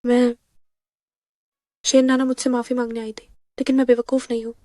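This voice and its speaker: An actress dubbing a clever young woman who speaks calmly and firmly. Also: fairly high pitch, dry recording, clean studio sound, natural voice. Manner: calm and firm, quick delivery. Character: cool, clever young woman outsmarting a rival. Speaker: heroine. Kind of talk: Hindi dub of a drama.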